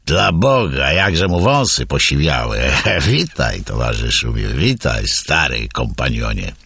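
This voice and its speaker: A man's voice: a bass voice, big pitch swings, a little slow, vocal fry, bright, forceful tone, slightly rough, no echo, exaggerated voice. A man playing a fervent young nobleman. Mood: joyful.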